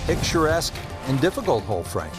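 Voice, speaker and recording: A man doing golf commentary as lead announcer in a sports video game, calling play in short, measured phrases. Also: on the high side, sing-song, loud music behind the voice.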